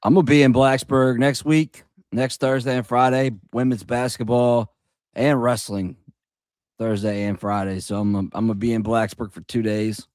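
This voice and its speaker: A man co-hosting a sports podcast in a relaxed, slangy way, calling his friend "dog.". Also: medium pitch, normal speed, smooth, no room sound. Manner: laid-back, slangy, calls people "dog". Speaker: podcast co-host. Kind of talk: casual chat.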